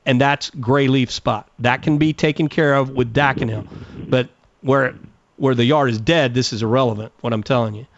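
A man's voice: mid-range voice, steady tone, moderate pace, muffled recording. A man hosting a radio gardening call-in show, giving direct, folksy advice. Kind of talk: radio call-in talk and live ad read.

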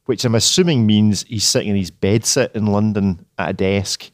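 A man's voice: fairly low pitch, moderate pace, no echo, studio quality. A Scottish man hosting a podcast in casual chat, loose and joking. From Scotland. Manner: chatty, laughs often, loose and joking. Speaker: podcast host. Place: outdoors in a public place.

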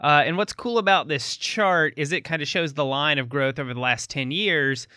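Bright, clear-voiced male podcast co-host. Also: on the high side, normal speed, no room sound, clean studio sound. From Florida. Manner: jokey, reads headlines and numbers aloud. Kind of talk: casual chat.

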